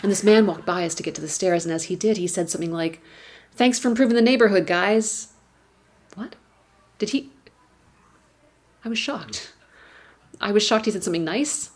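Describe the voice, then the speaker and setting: On a gala stage, a woman writer reads her own personal essay aloud at an awards event. Her voice is on the low side and slightly rough, moving a little fast but broken by long pauses. She is wry and candid, swearing and repeating things for emphasis.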